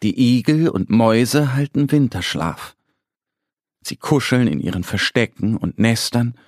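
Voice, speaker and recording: A man narrating a children's bedtime story, gentle and calm. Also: lowish voice, dry recording, clean studio sound.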